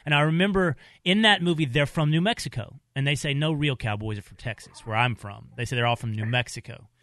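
A man's voice: medium pitch, fairly quick, a bit bright, dry recording. A man hosting a radio talk show, chatting casually and joking with guests in the studio. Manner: joking, bantering, self-described country snob.

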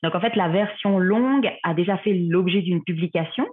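A woman's voice: lowish voice, normal speed, breathy edge. A woman in her thirties from Switzerland, a researcher and clinician, answering podcast questions in a careful, explanatory way with many fillers, heard over a remote call. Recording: phone-like remote call audio.

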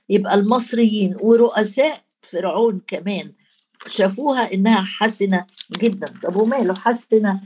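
A woman's voice: mid-range voice, darkish tone, husky. Egyptian woman preaching a Bible sermon. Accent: Egyptian Arabic. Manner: colloquial, addresses listeners directly; quotes scripture in formal Arabic.

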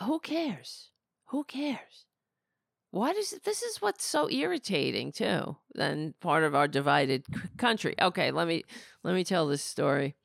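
Her voice low-pitched, creaky and a little bright, a middle-aged podcast host talks politics casually, bluntly and sardonically, rambling as her voice fades. The recording is dry and clean, studio quality.

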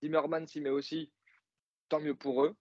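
Co-host masculin bavard, hésitant, quelques euh, son un peu terne et sec. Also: male voice, a little high, flat delivery, normal speed, darkish tone, no room sound, highs cut off. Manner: chatty, hesitant with many fillers, joking asides. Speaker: podcast co-host, football analyst. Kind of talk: casual play-by-play recap.

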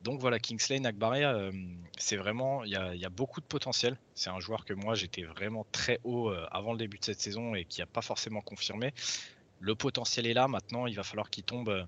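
A man's voice: fairly low pitch, fairly quick, fairly bright tone, muffled recording. A man hosting a casual sports analysis discussion, speaking in hesitant phrases peppered with English jargon. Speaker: sports podcast host. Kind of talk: casual American football draft analysis.

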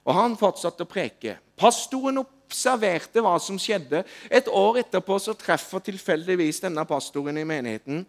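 A man preaching a sermon, telling stories in a lively way that rises to loud calls and drops to soft asides. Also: high voice, hardly any pauses. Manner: animated, rising to loud calls when retelling. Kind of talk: sermon with storytelling.

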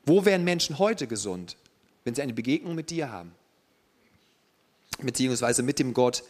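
A young man preaching a sermon to a congregation in a relaxed way, with joking asides. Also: medium pitch.

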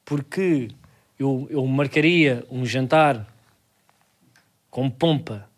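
A man's voice: mid-range voice, very slow. A man with a European Portuguese accent, co-hosting a comedy podcast and telling stories with lots of animation. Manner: animated storyteller, acts out quoted characters. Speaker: podcast co-host.

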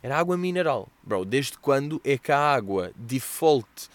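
A young man with a European Portuguese accent hosting a podcast, telling stories in a casual, slangy, animated way and acting out what others said. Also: mid-range voice, measured pace. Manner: slangy and animated, acts out quoted dialogue with exaggerated voices. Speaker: podcast host answering listener questions. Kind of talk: casual storytelling chat.

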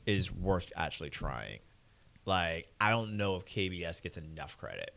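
A man's voice: low-pitched, very animated, normal speed, creaky, pushed and bright. A man co-hosting a podcast, chatting casually and enthusiastically, rambling with fillers and laughs. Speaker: podcast co-host. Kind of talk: casual chat.

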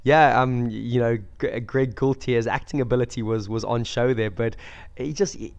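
A man croaky from a cold, chatting casually about sport as a podcast co-host. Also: mid-range voice, fairly even intonation, normal speed, darkish tone. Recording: dull lo-fi audio.

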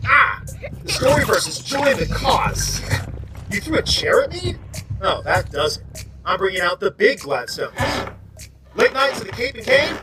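A man playing a gleeful, theatrical villain boss in an audio drama, delivering a grandiose, booming monologue. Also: very animated, unhurried, pauses often, recorded from a distance, music in the background, low-quality recording. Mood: outraged.

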